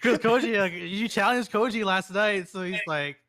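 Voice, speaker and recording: A man's voice: high-pitched, normal speed, pushed and bright. A man playing a tabletop game, rambling with many fillers. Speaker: player. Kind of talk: casual chat during a tabletop game.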